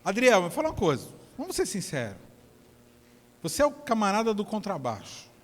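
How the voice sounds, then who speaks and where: A man with a Brazilian Portuguese accent preaching a sermon at a church service, telling stories in an animated way that swings from near-shouts to soft asides. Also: sits high, brisk. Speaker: pastor. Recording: long church hall reverb.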